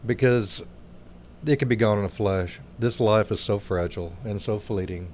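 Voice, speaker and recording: Man, low voice, reflective podcast co-host, faint background noise. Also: moderate pace, darkish tone. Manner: reflective, hesitant with fillers. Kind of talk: casual podcast chat.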